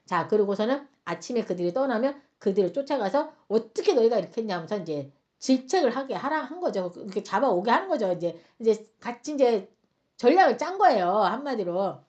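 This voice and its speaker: A woman Bible teacher telling a Bible story in a lively, dramatic way. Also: a little high, brisk. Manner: animated, dramatic retelling. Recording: dull lo-fi sound.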